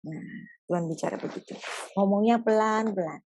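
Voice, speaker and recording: A woman teaching a Bible lesson, explaining in a lively way and dropping in casual spoken asides. Her voice sits at a middle pitch. It is recorded dry, with almost no room sound. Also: moderate pace, no echo.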